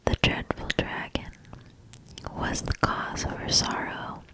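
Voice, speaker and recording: For an ASMR session, a woman reads from a storybook in a gentle, breathy whisper. She speaks deliberately, leaving lingering gaps between short phrases.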